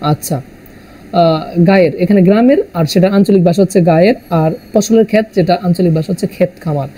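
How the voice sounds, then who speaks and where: A man from Bangladesh explaining exam answers as a teacher, halting often with "ah" fillers and correcting himself mid-word. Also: sits high, warm tone, low-quality recording. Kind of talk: exam answer walkthrough lesson.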